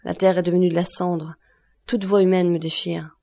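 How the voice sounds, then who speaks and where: A woman's voice: on the low side, flat delivery, normal speed, gravelly, mellow. A woman reading the lines of an anguished young man, desperate and furious, with passionate, pleading outbursts. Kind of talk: audiobook reading of a novel.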